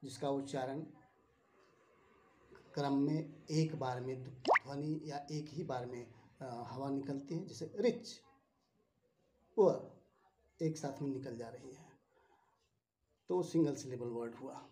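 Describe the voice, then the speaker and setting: A man's voice: medium pitch, slow pace, pauses often. A male English teacher giving a grammar lesson, spelling words out letter by letter and repeating each form.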